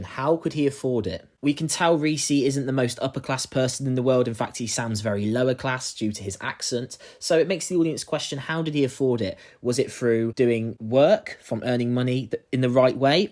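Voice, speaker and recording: A young man, a drama student, earnestly explaining his own acting performance with frequent "um"s and "sort of"s. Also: medium pitch. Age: young adult.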